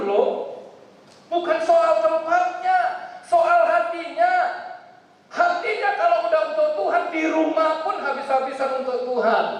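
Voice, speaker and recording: High-voiced preaching man in echoey hall. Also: a little hiss or hum. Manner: animated preaching, acting out quoted voices. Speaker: pastor. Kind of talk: sermon. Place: large church hall. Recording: echoey church hall, far from mic.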